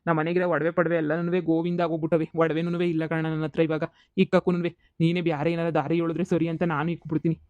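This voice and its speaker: A man doing a distraught young village gambler for a cartoon comedy, talking fast and pleading. The voice sits fairly high and flat. It comes through dry and a little dull, like a lo-fi studio voice-over. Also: no echo, lightly acted. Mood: despairing. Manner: pleading, rapid rural talk.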